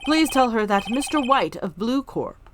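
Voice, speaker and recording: Woman playing a chirpy old-fashioned hotel bellhop, raised pitch. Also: very animated, normal speed, background noise. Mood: chirpy, courteous. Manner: chirpy, formal, servile politeness.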